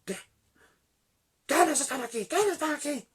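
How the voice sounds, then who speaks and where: A man voicing an enraged middle-aged pastor who rants and shouts insults at his wife, acted out within a sermon. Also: very high voice, level tone, moderate pace, vocal fry, pitched above the performer's own voice, exaggerated voice. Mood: alarmed. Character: furious middle-aged male pastor, ranting.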